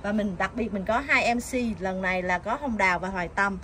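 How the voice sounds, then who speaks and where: A middle-aged woman with a mid-range, slightly bright voice chats briskly and enthusiastically in a casual vlog, announcing a community event. She stands outdoors by a building's glass entrance, and the camera audio is noisy.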